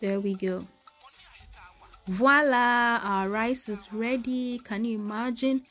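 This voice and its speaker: Speaking slowly in a slightly bright, higher-than-average voice, a woman from Ghana walks viewers through a recipe in her home kitchen. She's a chatty cooking vlogger who addresses her audience as "my people" and exclaims over the food, with faint music in the background.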